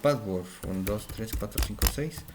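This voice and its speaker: A man walks through a coding lesson in a lowish voice, narrating each step as he types and often checking that viewers follow. Keyboard typing and mouse clicks sit behind him, over clear background noise on a home recording. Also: moderate pace. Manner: thinks aloud while typing, frequent "¿cierto?" check-ins. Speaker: programming instructor. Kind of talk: screen-recorded coding tutorial.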